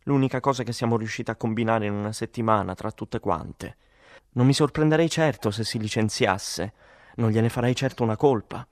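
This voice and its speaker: A man's voice: fairly low pitch, brisk, no room sound, studio quality, lightly acted. A man voicing a weary, exasperated woman who sells vitamins, swearing and emphatic, in an audiobook. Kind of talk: audiobook character voice.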